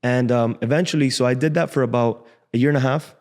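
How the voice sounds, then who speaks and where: A man's voice: mid-range voice, quick pace. Frank young man telling his story. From Cuba, raised in Miami. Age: 20s. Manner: relaxed, frank, casual slang. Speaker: guest trader. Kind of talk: casual interview storytelling. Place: podcast studio, indoors. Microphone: desk boom mic.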